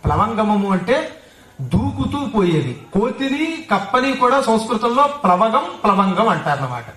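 A man's voice: high-pitched, very animated, moderate pace, a bit bright. A man giving a devotional scripture discourse, telling the story with humor and chanting verses. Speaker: religious discourse speaker. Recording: roomy hall, distant mic.

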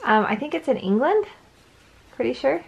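A woman's voice: high-pitched, big pitch swings, normal speed, creaky, muffled recording, a little hiss or hum. A middle-aged American woman chatting casually as a mother at home in a bedroom. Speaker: mother of the vlogger. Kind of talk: casual family chat.

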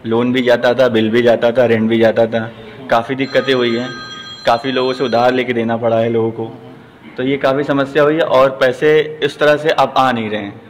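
A middle-aged man who owns a gym, answering a news reporter's questions in a plain, steady way and often saying "ji". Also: mid-range voice, normal speed. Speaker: gym owner and trainer. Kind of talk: news interview. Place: large indoor gym. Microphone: handheld news mic. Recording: long hall reverb, faint noise.

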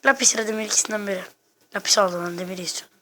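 A woman giving casual, excitable gameplay commentary, talking to herself and her viewers in slangy bursts. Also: mid-range voice, very fast, a little hiss or hum. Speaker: gaming video maker.

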